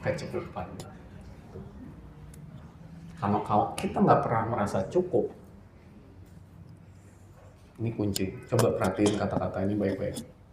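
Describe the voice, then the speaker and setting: A man giving a casual religious talk in an indoor study hall, joking and blunt, slowing down to stress his points. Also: on the low side, mellow, slight background noise. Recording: roomy hall, faint ambience.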